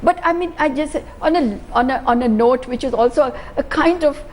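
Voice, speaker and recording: A woman's voice: sits high, brisk. A woman with an Indian accent, a panelist giving political commentary in a hesitant way, full of fillers and restarts. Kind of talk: debate commentary.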